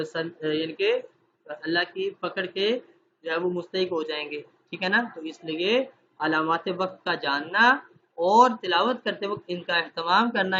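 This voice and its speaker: A man teaching an online Quran recitation class with a dry throat from fasting. He explains through examples and asks his students questions. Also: high-pitched, pushed and bright. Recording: dull, slightly noisy online call audio.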